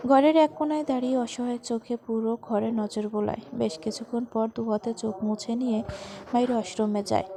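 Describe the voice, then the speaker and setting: A woman narrating a romantic family story as a storybook reading in a steady, even manner. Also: on the high side, creaky.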